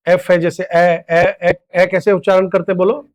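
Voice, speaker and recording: A man's voice: sits high, flat delivery, normal speed. A man giving a classroom grammar lecture, drilling students with repeated questions. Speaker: English grammar teacher.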